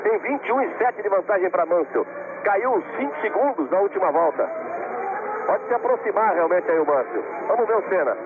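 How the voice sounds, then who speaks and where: A man's voice: sits high, lively intonation, normal speed. A Brazilian man giving live motorsport play-by-play commentary, dramatic and repeating phrases for emphasis. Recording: tinny radio-like broadcast, engine noise behind.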